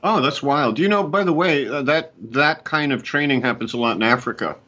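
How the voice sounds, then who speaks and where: A musician and co-host in his sixties chats and tells stories on a video call from a room at home, speaking through a headset. He's an animated, chatty storyteller who laughs often, with a mid-range voice, a little fast, and muffled recording.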